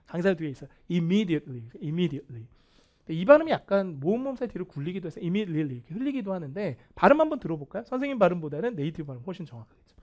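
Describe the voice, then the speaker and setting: A man teaching English vocabulary in a video lecture, animated and playfully self-mocking. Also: sits high, very fast. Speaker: English test instructor.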